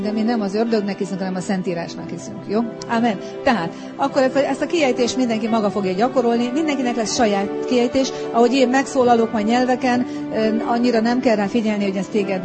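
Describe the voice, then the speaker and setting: A woman preacher leading a charismatic prayer, earnestly coaxing her congregation and breaking into speaking in tongues. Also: mid-range voice. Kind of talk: charismatic sermon. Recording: loud music underneath. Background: loud worship music.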